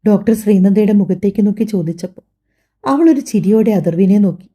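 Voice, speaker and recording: A woman reading a family drama audiobook aloud, telling the story softly and voicing every character herself. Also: mid-range voice, expressive, quick pace, slightly rough, dull audio. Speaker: audiobook narrator.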